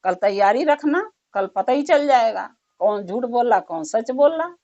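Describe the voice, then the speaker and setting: A woman voicing a calm, wise elderly male holy man in a storytelling. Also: fairly high pitch, a little slow. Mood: instructing. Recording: dull muffled recording.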